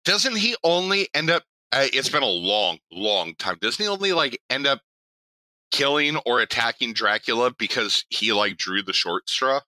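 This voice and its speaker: A young man co-hosting a podcast in casual chat, animated and laughing, with quick swearing asides. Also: mid-range voice, no echo, low-quality recording. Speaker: podcast co-host.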